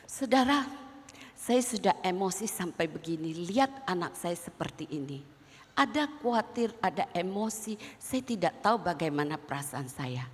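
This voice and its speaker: A middle-aged woman preaching a sermon and telling a personal story, swinging between loud, lively passages and soft, quiet ones. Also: a little high. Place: church sanctuary. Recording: echoey church hall.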